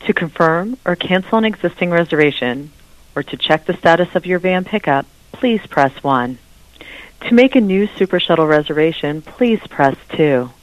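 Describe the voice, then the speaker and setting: A recorded phone menu message played over a phone line, reading options in slow, evenly spaced prompts. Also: medium pitch, expressive, no room sound.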